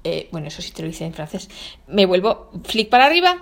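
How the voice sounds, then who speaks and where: A woman's voice: lowish voice, very animated, a little fast, fairly bright tone. A woman giving a casual spoken tutorial, talking straight to viewers and repeating aloud what her phone reads out. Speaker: instructor showing phone accessibility settings.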